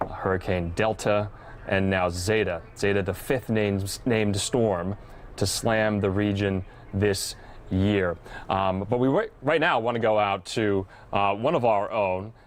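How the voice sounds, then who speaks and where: A man anchoring live news in an ad-libbed, somewhat hesitant and halting way. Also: fairly low pitch, a little hiss or hum.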